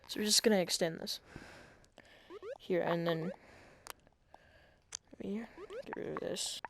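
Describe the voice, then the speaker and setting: A man's voice: sits high, steady tone, unhurried, vocal fry, a bit bright, slight background noise. A man talking through a casual screen-recorded game tutorial, hesitant and self-deprecating, with many fillers and restarts.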